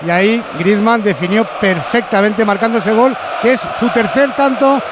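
High-voiced male match reporter. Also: normal speed, over a noisy crowd. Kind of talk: live sports reporting. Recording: loud outdoor stadium noise.

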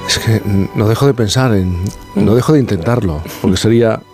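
Man, radio host, very low voice, easygoing and jokey, faint music behind. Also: brisk. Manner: relaxed, joking interjections. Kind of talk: casual radio chat. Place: radio studio.

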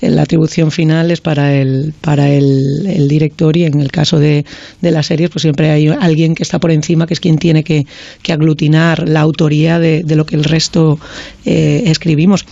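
Gravelly, mellow-voiced man musing aloud. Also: a little high, level tone, moderate pace, no echo, highs cut off. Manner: hesitant, repeats words while searching for phrasing. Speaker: screenwriter, panelist. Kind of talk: casual radio discussion.

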